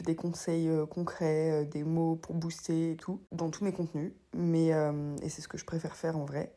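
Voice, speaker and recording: A young woman with a hoarse, honking voice after being ill, talking casually and hesitantly about herself as a solo podcast host. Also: low-pitched, mellow. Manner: hesitant, rambling, self-deprecating. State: hoarse with a lingering cough after illness. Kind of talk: casual confessional solo talk.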